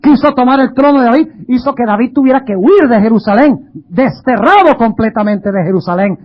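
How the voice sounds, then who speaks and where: A man's voice: extremely high pitch, a little fast. A male pastor giving a dramatic sermon, full of rhetorical questions. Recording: dull lo-fi radio sound.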